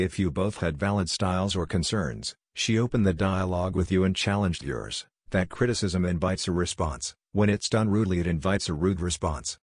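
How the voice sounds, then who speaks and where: A man narrating as he reads out comments, in an even and steady tone. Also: sits low, breathy edge, no echo, studio quality. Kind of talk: scripted narration.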